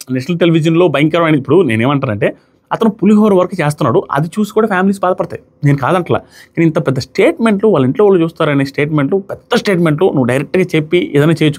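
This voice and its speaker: Quick, animated man reviewing a reality show. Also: high voice, husky. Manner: animated, acts out the contestants' quoted lines. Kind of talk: casual commentary to camera.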